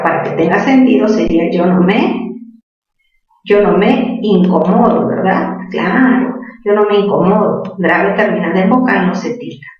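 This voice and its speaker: A woman's voice: mid-range voice, darkish tone. A woman teaching a spelling lesson to students, patiently asking questions and answering them herself. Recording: distant echoey classroom, dull sound.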